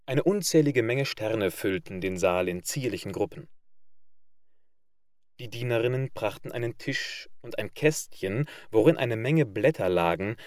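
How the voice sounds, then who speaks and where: A man with a fairly low voice reads a fairy tale aloud in a measured, even literary manner. The recording is close and dry, with no room sound. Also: no room sound. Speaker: audiobook narrator. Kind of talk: scripted narration of a fairy tale.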